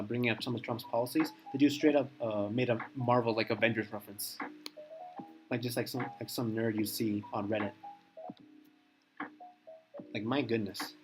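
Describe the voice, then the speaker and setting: A man live-streaming a casual, rambling reaction chat, full of fillers and strong opinions. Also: mid-range voice.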